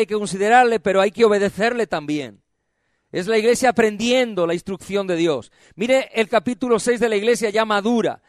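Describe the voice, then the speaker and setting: High-voiced man preaching a sermon. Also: no room sound, studio quality. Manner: calls on the congregation to repeat phrases; asks questions and answers them himself.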